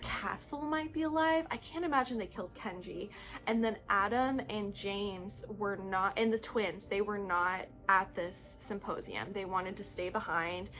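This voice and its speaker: A young woman recapping a book series in a casual, excitable way, with lots of "like" and fillers. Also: mid-range voice. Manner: excitable, heavy use of "like". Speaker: book vlogger.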